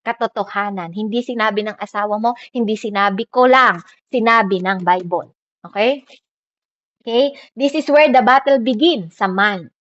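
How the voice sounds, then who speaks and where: A woman preacher giving a lively, conversational sermon and peppering her talk with tag questions to the listeners. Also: mid-range voice, normal speed. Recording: dull lo-fi recording.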